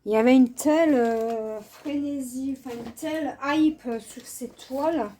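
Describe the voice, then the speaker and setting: A woman hosting her own craft channel, showing her cross-stitch canvases in a casual, unhurried vlog, hesitant and full of fillers. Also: high voice, mellow. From France. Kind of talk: casual show-and-tell vlog.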